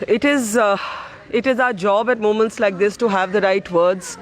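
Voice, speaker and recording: A high-pitched man with a steady tone is a news reporter filing a field report from an outdoor railway station. He interviews an elderly woman in an earnest, measured manner.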